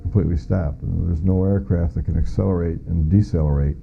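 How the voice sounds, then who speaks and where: A middle-aged American man, a former air traffic controller, gives plain, matter-of-fact witness testimony in an interview. His low, creaky voice holds a steady tone at a fairly quick clip. Soft music plays behind him on muffled lo-fi audio.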